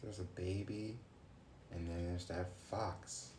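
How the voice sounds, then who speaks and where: A man in his twenties streams himself reading cards, ranting informally with swearing and sudden outbursts as he thinks aloud. His voice is deep and a little mellow, slow, with fairly even intonation. Slight background noise accompanies the echoey room's faint ambience.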